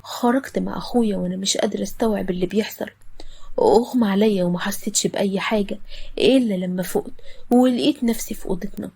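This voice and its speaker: An Egyptian woman tells a scripted first-person story. Her delivery is dramatic and full of feeling, at a middle pitch. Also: fast talker, gravelly, dark tone, breathy edge. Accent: Egyptian Arabic. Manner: dramatic, emotional retelling.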